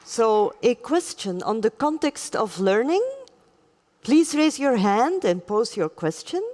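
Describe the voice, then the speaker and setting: A woman's voice: a little high, sing-song, takes it slowly, a little mellow, slight background noise. A woman moderates a live conference session, playfully coaxing the audience to take part. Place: large indoor conference hall.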